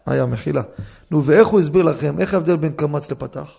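Rabbi man lecturing in a study hall, high voice w/ a gravelly edge, keeps throwing questions at the class. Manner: animated, fires rhetorical questions at listeners. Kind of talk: Torah law lecture.

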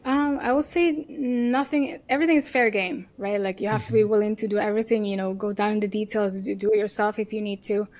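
A confident, upbeat agency CEO with a Venezuelan Spanish accent gives casual interview answers as a guest, chatting loosely about her work and leaning on "you know" and "like." Her mid-range voice is darkish and flat, a little fast, with hardly any pauses.

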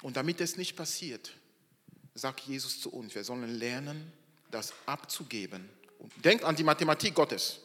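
A pastor in a church hall delivers an animated sermon, his bright, forceful voice rising to loud emphasis and dropping to soft asides. A long reverb trails each phrase through the room. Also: medium pitch, normal speed.

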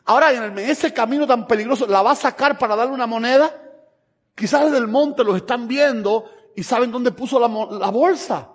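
A fervent male preacher whose voice sits very high for a man. He swings between hushed asides and loud appeals to his listeners. A long reverb hangs on his words, as in a large hall. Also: a little fast. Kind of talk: sermon.

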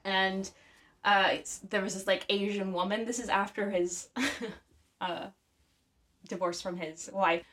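A woman's voice: steady tone, a little slow, pauses often, fairly bright tone. A woman co-hosting a casual podcast, telling stories in a rambling way with many fillers. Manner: rambling, many fillers, bursts into high acted quotes. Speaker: podcast co-host. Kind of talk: casual chat, storytelling.

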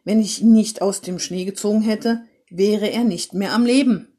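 A woman's voice: medium pitch, lively intonation, unhurried, creaky, warm tone, husky, exaggerated voice. A woman voicing a stern but kind old Santa Claus in a read-aloud story, speaking firmly and scolding. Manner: firm, scolding.

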